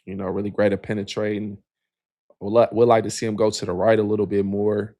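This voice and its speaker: Low-voiced man chatting about basketball. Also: fast, dry recording. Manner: relaxed, rambling, frequent "you know". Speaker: podcast co-host. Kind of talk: casual sports podcast chat.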